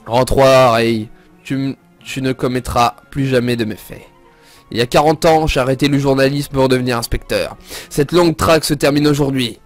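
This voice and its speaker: A man voicing a righteous police inspector who makes stern, steady declarations while reading a game's story scenes aloud. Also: mid-range voice, moderate pace, soft background music, lightly acted. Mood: resolute.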